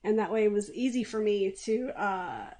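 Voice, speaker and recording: A woman in her thirties, the artist and co-creator, chatting casually on a stream in a rambling, relaxed way with fillers. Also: mid-range voice, normal speed.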